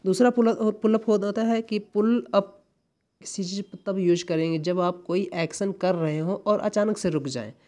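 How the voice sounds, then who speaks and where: A man's voice: high voice, moderate pace, mellow. A man tutoring exam English, explaining step by step and repeating key words with frequent tag questions. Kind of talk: exam-prep lesson.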